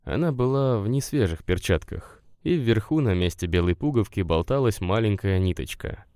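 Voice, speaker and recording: A man narrating a literary story with a measured, expressive reading. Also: lowish voice, no echo, studio quality.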